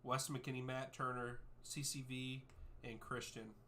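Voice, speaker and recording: A man's voice: medium pitch, flat delivery, measured pace, pushed and bright, slight background noise. A man in his thirties hosting a live soccer watchalong stream, reading viewer names and answering their questions in an easygoing way. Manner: easygoing, reads out chat names and answers at length.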